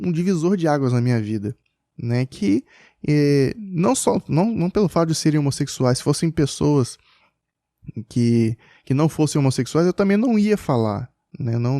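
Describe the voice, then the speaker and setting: A man's voice: a little high, warm tone, dry recording, clean studio sound. A man tells a personal story as a father in a casual podcast chat, hesitant and full of restarts.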